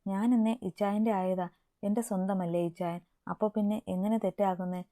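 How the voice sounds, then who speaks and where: A woman voicing a shy, soft-spoken young woman in love from a romance story she reads aloud. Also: medium pitch, fairly even intonation, moderate pace, no echo, studio quality, close to an everyday voice. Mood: tender.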